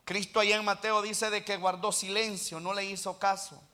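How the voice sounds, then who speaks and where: A man preaching a sermon with passion, calling his listeners brother and rising into loud stretches. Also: high voice, level tone, moderate pace, smooth. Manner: impassioned preaching, addresses listeners as brother, rises to loud passages. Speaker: pastor.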